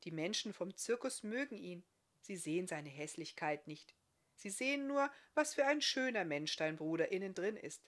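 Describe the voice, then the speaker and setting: A woman reading aloud, voicing a gentle, blind, bearded giant man in a soft, consoling way. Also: fairly low pitch, expressive, moderate pace, natural voice.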